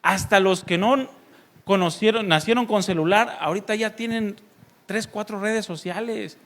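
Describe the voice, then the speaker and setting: Mexican pastor preaching, fairly high voice. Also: male voice, moderate pace, a bit bright. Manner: conversational preaching with questions to the congregation; mimics voices playfully. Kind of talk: sermon.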